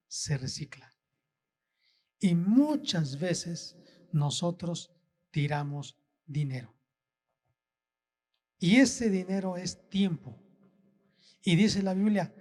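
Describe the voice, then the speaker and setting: A male pastor delivers a sermon at an unhurried, deliberate pace. His voice sits somewhat high for a man. He keeps putting rhetorical questions to his listeners. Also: a little mellow.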